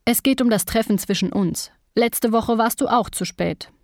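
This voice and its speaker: A woman's voice: a little high, normal speed, a little mellow, no echo, natural voice. Grumbling, jealous young workshop apprentice, read by a woman, scornful, dry close sound.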